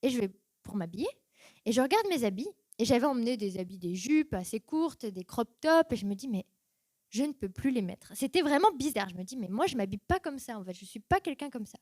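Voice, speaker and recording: A woman's voice: a little high, big pitch swings, brisk, a little mellow, no room sound. A young woman giving a personal church testimony, telling her story casually and acting out her past reactions in quoted voices.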